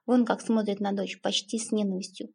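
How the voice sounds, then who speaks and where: A woman narrating an audiobook in an expressive, dramatic manner. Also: mid-range voice, fairly quick, vocal fry, slightly rough.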